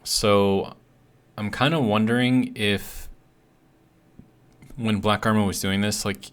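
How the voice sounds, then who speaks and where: Low-pitched man, casual gaming commentary. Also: fairly even intonation, slow, clear, resonant tone. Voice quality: slightly awkward speech from a healing bitten tongue. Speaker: host of a gaming video series.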